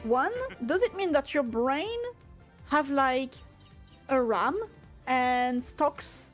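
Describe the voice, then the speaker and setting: High-voiced French-accented woman streamer. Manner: pitch swings constantly, never one steady tone; laughs often, restarts phrases while searching for English words. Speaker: game streamer. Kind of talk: casual live-stream chat, answering chat.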